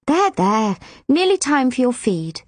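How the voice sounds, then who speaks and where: A woman reading an audiobook voices a busy nurse who hushes a baby briskly. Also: sits high, big pitch swings, no room sound, voice pushed up. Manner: soothing but brisk.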